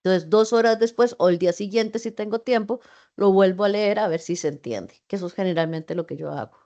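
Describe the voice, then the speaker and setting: A woman's voice: mid-range voice, a little fast, dark tone, muffled recording. A middle-aged woman lecturing in an online class, explaining in a conversational way with fillers and asides, heard over a video call. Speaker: university teacher.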